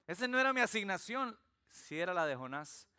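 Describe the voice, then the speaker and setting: With a smooth, high voice and a slightly fast delivery, a Salvadoran pastor preaches in church with a Salvadoran Spanish accent. He keeps the sermon lively with humorous, animated stories.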